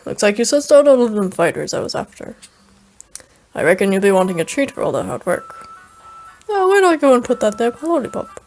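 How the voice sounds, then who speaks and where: A woman's voice: on the high side, big pitch swings, fairly quick, darkish tone, poor audio. Woman voicing a jolly old dragon man, drawling rustic voice, grandfatherly, game story reading, faint music behind. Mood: teasing. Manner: folksy, chuckling, grandfatherly. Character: jovial folksy old male dragon.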